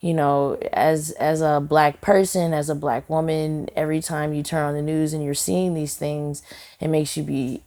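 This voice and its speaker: A woman singer and songwriter is interviewed in a relaxed podcast conversation. Her voice sits low and has a gravelly edge. She speaks earnestly from the heart, with lots of "you know" fillers and restarts. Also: moderate pace.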